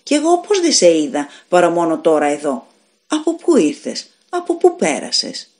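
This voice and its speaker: A woman's voice: lowish voice, very animated, a little mellow. A woman reading a fairy tale aloud, voicing an innocent, curious little village girl who asks eager, wondering questions.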